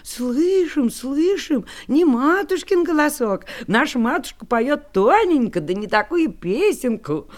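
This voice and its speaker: A woman voicing a chorus of small young goat kids in a read-aloud fairy tale, speaking high and piping. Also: very animated, measured pace, few pauses. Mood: wary.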